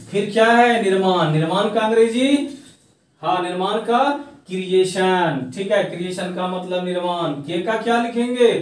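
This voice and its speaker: A man gives an English grammar lesson in a high voice, stretching out words to make each point stick. He stands well back from the mic. His voice rings around a very echoey room. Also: far from the mic. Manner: slow and emphatic, drawing out English words. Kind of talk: classroom lesson.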